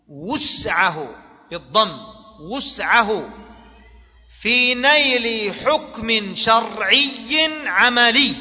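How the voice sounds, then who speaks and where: High-voiced, slow male scholar lecturing. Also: sharp tone. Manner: poses fill-in questions to students and repeats key words. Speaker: religious scholar teaching a class. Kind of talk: classroom lecture on jurisprudence. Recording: dull lo-fi recording in an echoey hall.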